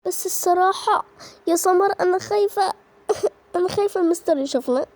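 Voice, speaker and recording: A woman's voice: very high-pitched, a little fast, darkish tone, voice pushed up. A woman voicing an anxious, whiny schoolgirl, speaking with an Egyptian accent. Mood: worried. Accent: Egyptian Arabic. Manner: pleading, whiny.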